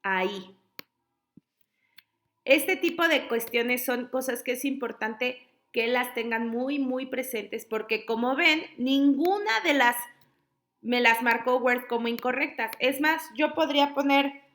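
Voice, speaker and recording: Patient tutor woman, slightly high. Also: a bit bright. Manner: patient, explanatory, addresses students directly. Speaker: online high school tutor. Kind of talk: online class on spelling.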